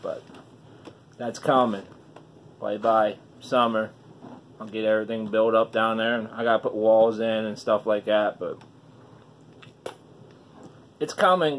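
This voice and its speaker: A middle-aged man talks casually to the camera with his lip packed full of dip. His voice sits at an ordinary pitch for a man. It is a homemade indoor recording with clear background noise. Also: fairly even intonation, a little slow, long pauses. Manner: talking with a lip full of chewing tobacco. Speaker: online dip reviewer. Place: small wood-paneled room indoors. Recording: noisy room recording.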